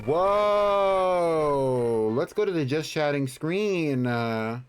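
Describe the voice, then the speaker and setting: A man with a fairly high voice hosts a casual game stream. He talks in a chatty, friendly way, moving between greeting viewers and commenting on the game. Music plays behind him. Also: lively intonation, measured pace, a little mellow. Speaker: live game streamer, host.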